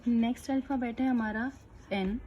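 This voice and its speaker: A woman teaching young children letter sounds, explaining each one slowly and clearly. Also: fairly high pitch, steady tone, muffled recording, slight background noise. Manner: slow, clear, patient explaining. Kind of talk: kids' phonics lesson.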